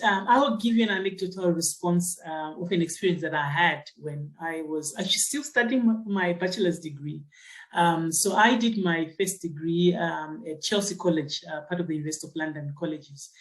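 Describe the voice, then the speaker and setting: A middle-aged Zimbabwean woman, a geoscientist and associate professor, answers interview questions thoughtfully, with plenty of fillers and restarts. Her voice is on the low side, and the audio quality is poor.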